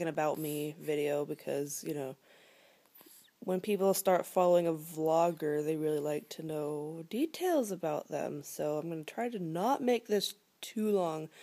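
A woman's voice: low-pitched, moderate pace, warm tone. A woman in her twenties chatting casually to camera as a vlogger, rambling with many fillers and at times dropping to a whisper, filmed close-up at home in a living room. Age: 20s. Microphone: phone or laptop camera held close.

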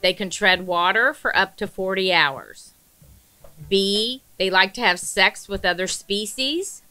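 A woman reads trivia questions at a leisurely pace during a relaxed game night with friends. Her voice is bright and crisp, dry and close with no room sound, and she laughs easily at her own jokes. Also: medium pitch, no room sound, rough recording. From American South. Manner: reads slowly, giggles at her own lines. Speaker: quiz reader and co-host. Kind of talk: casual chat, reading trivia questions.

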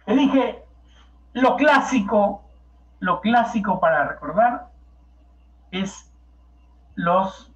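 Male Peruvian Spanish math teacher, high animated voice, slow, echoey room. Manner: coaxing, peppered with rhetorical questions. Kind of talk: classroom lecture. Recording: echoey, dull lo-fi classroom recording.

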